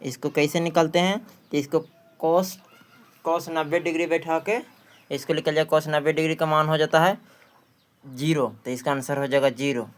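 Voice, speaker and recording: A man teaches a maths exam practice lesson in a Bihari accent, his voice fairly high with fairly even intonation and a moderate pace. He goes through questions, repeating phrases and answering the questions he raises.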